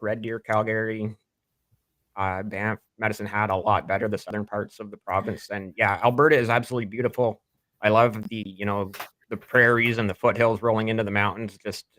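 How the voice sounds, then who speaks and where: Animated man in his fifties, dry sound. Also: no room sound. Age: 50s. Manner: animated, rising pitch when worked up. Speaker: podcast co-host. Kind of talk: casual political chat reading live comments.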